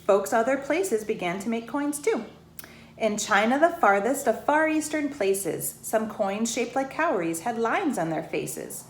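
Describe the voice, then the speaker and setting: Unhurried and expressive, a fairly high-voiced bank employee reads a rhyming picture book aloud to children, breaking in with asides and questions for them. Her voice carries a roomy echo, with a little background noise.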